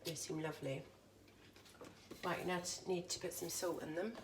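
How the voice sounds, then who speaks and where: A woman chatting to camera as she cooks at home, casual and self-deprecating. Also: sits low. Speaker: home cook vlogger. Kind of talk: casual cooking demonstration. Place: home kitchen. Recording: distant camera mic, loud kitchen noise. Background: frying, sizzling and stirring noises.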